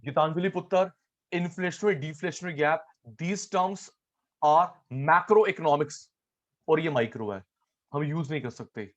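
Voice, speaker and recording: A man's voice: on the high side, takes it slowly. A man teaching an online economics class, repeating points and coaxing students by name.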